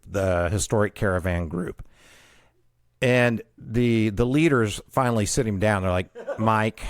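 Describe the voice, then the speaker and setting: Animated male radio host telling a story. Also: fairly low pitch, dry recording, clean studio sound. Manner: animated, laughs at his own story. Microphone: radio studio mic.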